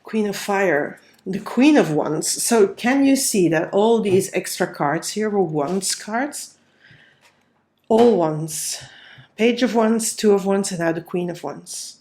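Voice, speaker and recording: A woman with a cold gives a casual tarot reading, talking through each card as she lays it out. Her nasal voice is medium-pitched and darkish, animated but slow.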